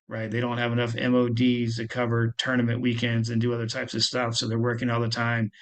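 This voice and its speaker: A man's voice: mid-range voice, monotone, brisk. A man giving a webinar presentation over a video call, who keeps tagging his points with "right?". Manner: tags statements with "right?". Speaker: guest speaker.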